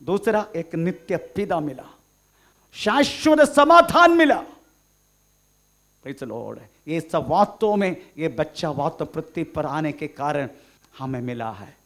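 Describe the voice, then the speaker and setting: High-voiced, slow-speaking male pastor. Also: expressive, darkish tone. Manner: mixes English phrases, frequent "praise the Lord" and "amen" interjections. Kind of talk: sermon.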